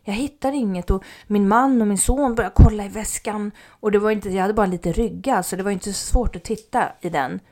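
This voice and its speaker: A woman telling a personal anecdote in casual speech, animated, acting out what people said and sometimes dropping to a near-whisper. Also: mid-range voice, hardly any pauses. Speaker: mother telling a personal story.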